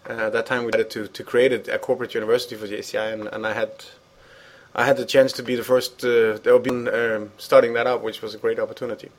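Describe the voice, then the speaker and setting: In a conversational interview, a former international organization president from Denmark, a native Danish speaker, answers in English. He talks fast at medium pitch with little movement in his tone, stumbling through many fillers and restarts.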